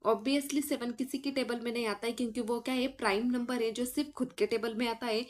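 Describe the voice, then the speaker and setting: A woman's voice: on the high side, fairly even intonation, fairly quick. A woman math teacher walks through each step, asking the class questions and answering them herself. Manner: addresses students as children.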